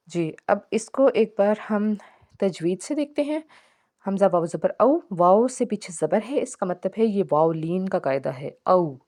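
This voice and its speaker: Woman teaching Quran recitation slowly. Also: mid-range voice, lively intonation, mellow. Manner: slow, deliberate syllable-by-syllable spelling with drawn-out recitation. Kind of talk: tajweed lesson, spelling out and explaining recitation.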